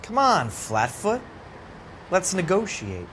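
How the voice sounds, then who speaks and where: An actor playing a defiant 1940s criminal who taunts and bargains in a crime video game. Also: male voice, high-pitched, wildly swooping pitch, slow, a bit bright, a little hiss or hum, full character voice. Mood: defiant taunting. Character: defiant taunting 1940s American male crook at gunpoint.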